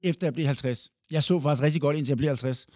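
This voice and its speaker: A man's voice: on the high side, darkish tone, dry recording, studio quality. A man in his early fifties hosting a podcast, chatting casually and agreeably, often laughing along. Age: 50s. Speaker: podcast host. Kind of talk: casual chat.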